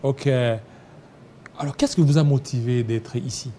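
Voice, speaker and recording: A man interviewing guests casually, echoing their answers with quick interjections. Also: medium pitch, warm tone. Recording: faint background noise.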